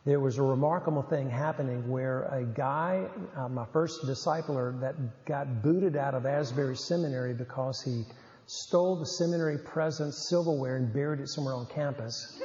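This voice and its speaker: Older southern guy from rural north carolina, folksy rambling talk, mellow voice, echoey hall, kinda muffled. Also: medium pitch, normal speed. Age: 70s. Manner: folksy, rambling, many filler uhs. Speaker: guest speaker, former youth pastor. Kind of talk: preaching talk to an audience. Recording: roomy hall, slightly dull lo-fi.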